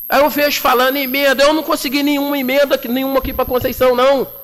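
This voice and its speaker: A man's voice: very high-pitched, flat delivery, very fast, fairly bright tone. A man in his forties, a city councilman from Brazil, giving a combative, indignant floor speech full of colloquial slang into a desk microphone in a council chamber. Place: municipal council chamber, indoors.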